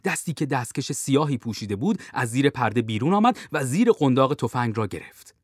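A man narrating a thriller audiobook in a lively, expressive way. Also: medium pitch, breathy edge, no echo, clean studio sound.

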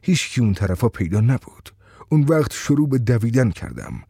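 A man reading a first-person story in a steady, conversational storytelling way. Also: mid-range voice, creaky, breathy edge, dry recording, studio quality.

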